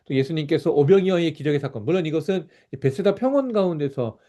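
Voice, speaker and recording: A man's voice: a little high, expressive, quick pace, warm tone. A middle-aged man, a pastor, teaching a church Bible class over slides in an explanatory way, often restarting words and using fillers.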